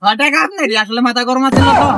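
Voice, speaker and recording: A man's voice: very high-pitched, lively intonation, very fast, over loud music. A man with a rural Bangladeshi Bengali dialect, playing the moneylender's hot-headed sidekick in a comedy skit.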